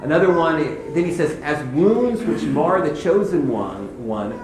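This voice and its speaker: A man with a slightly high voice walks through a hymn line by line as a Bible teacher. His talk is conversational, and he slows down for scripture passages. The room gives his voice a noticeable echo, with faint noise behind it. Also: animated, a little mellow. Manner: conversational, reads scripture slowly. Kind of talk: devotional teaching on hymn lyrics.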